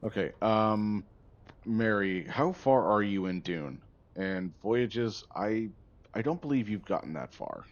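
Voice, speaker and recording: Rambling male streamer, low voice. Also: lively intonation, slow, lo-fi sound. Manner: rambling, easily sidetracked, chatty with a viewer. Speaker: gaming streamer. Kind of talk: casual livestream chat.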